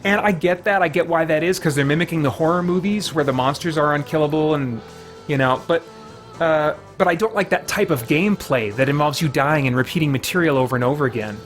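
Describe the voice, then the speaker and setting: A man with a fairly high voice runs a video game livestream, talking a little fast over soft music. His commentary is loose and rambling, and he often stops mid-thought to respond to the game or the chat.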